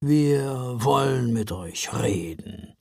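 A woman voicing a calm, friendly old Father Frost in a storybook reading, speaking slowly and gently. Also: sits low, slightly rough, no echo, studio quality, full character voice. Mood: kindly. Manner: slow, friendly.

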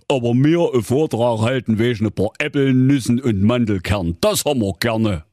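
A man's voice: lowish voice, lively intonation, measured pace, a little mellow, breathy edge, no room sound, studio quality. A man voicing a clumsy, dim-witted male bear in a comic fairy-tale parody, stammering excuses and blustering. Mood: grumbling. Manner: fumbling, sheepish excuses, sometimes blustering.

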